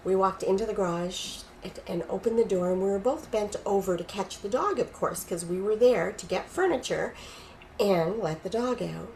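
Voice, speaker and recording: A woman's voice: medium pitch, normal speed, vocal fry, a little mellow, a little hiss or hum, low-quality recording. A middle-aged woman from Canada, a podcast guest telling a personal story vividly and acting out quoted dialogue.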